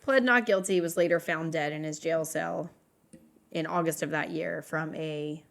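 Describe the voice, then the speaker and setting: A woman with a somewhat low voice leads a casual podcast conversation. She works through her notes with plenty of "um" and "like," restarting sentences as she goes. Her tone stays chatty and informal. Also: little pitch movement, a little slow, gravelly. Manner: talks through researched notes with many fillers and restarts. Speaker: podcast co-host leading the episode.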